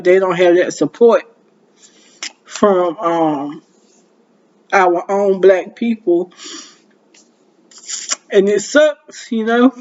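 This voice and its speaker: A man, a minister, preaching motivationally to camera in a slow, drawn-out way, sighing often and calling his viewers "y'all". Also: high voice, muffled recording. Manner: slow, drawn-out delivery with frequent sighs, addressing viewers as y'all.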